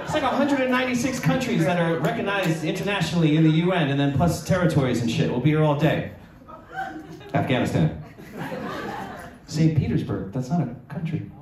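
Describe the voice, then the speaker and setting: A man's voice: fairly high pitch, animated, brisk, pauses often, recorded from a distance. A male stand-up comedian doing brash, profane crowd work, teasing and mocking people in the audience from the stage. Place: comedy club stage before a laughing audience. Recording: echoey club audio with loud crowd laughter.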